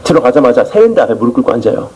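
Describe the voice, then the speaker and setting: A man preaching a sermon in church as a missionary, telling his testimony in an animated storytelling way. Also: medium pitch, racing, slight background noise, rough recording.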